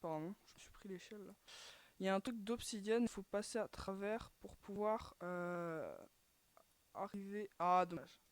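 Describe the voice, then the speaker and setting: A woman's voice: medium pitch, moderate pace, no echo. Chatty woman narrating her gameplay. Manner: chatty, filler-heavy, keeps sighing "too bad" at failed attempts. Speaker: gaming channel host. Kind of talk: casual gameplay commentary.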